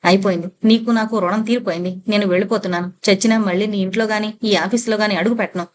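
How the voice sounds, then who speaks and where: A woman reading the lines of an angry, defiant teenage boy in a storybook narration, shouting back bitterly. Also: medium pitch, fairly even intonation, fast, close to an everyday voice.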